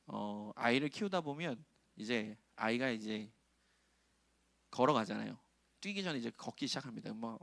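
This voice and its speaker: Lively, conversational male pastor preaching. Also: medium pitch, no echo. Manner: conversational, asks the congregation questions and acts out quoted lines. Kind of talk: sermon to a young adults' congregation.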